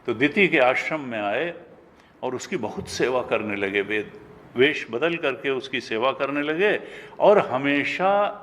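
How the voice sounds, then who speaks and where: Older indian swami w/ north indian hindi accent, tells scripture stories slow, voices the characters, long hall echo. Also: male voice, animated, fairly bright tone. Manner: storytelling, acting out dialogue with rising pitch. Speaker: spiritual teacher.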